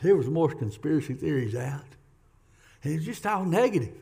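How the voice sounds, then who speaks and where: A man's voice: a little high, expressive, a little fast, creaky, warm tone, slightly rough. A man preaching a sermon as pastor, emphatic, repeating key lines and questioning the congregation.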